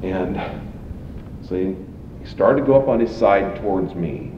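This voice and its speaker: A man, a police officer, giving halting recorded testimony and often repeating himself. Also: deep voice. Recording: roomy, distant, muffled, noisy archive tape.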